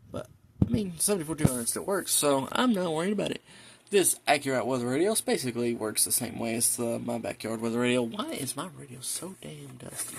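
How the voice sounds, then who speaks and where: With slight background noise, a medium-pitched American man with vocal fry gives a show-and-tell vlog from a room in his home. As a hobbyist video host, he rambles in a casual, folksy way and mutters little asides to himself.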